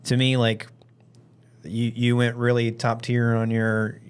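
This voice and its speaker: A man's voice: medium pitch, completely flat delivery, slow pace, clear, resonant tone. A man from Alabama talking casually as a podcast guest, rambling informally and leaning on filler words like "like" and "you know". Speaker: firearms instructor and event organiser, interview guest.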